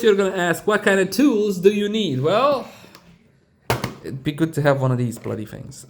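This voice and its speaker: A man talking through a hands-on watch repair tutorial in a chatty, digressive way with casual asides. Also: medium pitch. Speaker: watch reviewer.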